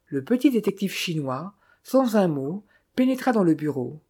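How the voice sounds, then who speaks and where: A woman narrating a novel as an audiobook reader in a calm, even storytelling delivery. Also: fairly low pitch, moderate pace, breathy edge. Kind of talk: scripted narration.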